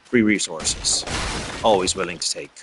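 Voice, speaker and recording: A man voicing a hammy, greedy pirate captain in a low, growled game voice. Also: moderate pace, noisy background, lightly acted.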